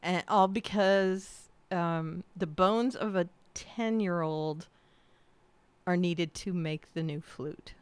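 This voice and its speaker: A woman's voice: on the low side, slow pace, clear, resonant tone, dry recording. A woman co-hosting a casual podcast, chatty and self-mocking, often breaking into giggles. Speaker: podcast co-host. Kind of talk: casual chat.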